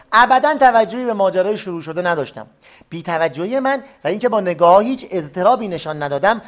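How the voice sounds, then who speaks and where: A man reading a memoir story aloud, pausing to explain old words in plain everyday speech. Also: sits high, fairly bright tone.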